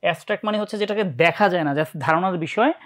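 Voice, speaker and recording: A fast-talking teacher with a mid-range voice and a Bangladeshi Bengali accent leads a live online English class for university admission tests. They check in often and put questions to the students.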